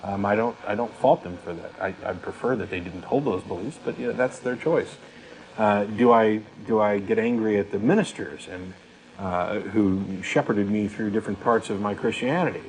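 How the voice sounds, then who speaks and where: This talk show co-host is a man who reflects on his own views in a conversational, emphatic way, at normal speed. His voice is on the low side and a little mellow, and the low-quality audio picks up clear background noise and room ambience.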